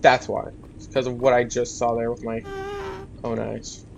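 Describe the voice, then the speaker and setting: A man's voice: medium pitch, completely flat delivery, brisk, vocal fry, lo-fi sound, noisy background. Young man muttering through gameplay. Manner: rambling, self-mocking, muttering to himself. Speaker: gaming YouTuber. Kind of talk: casual gameplay commentary.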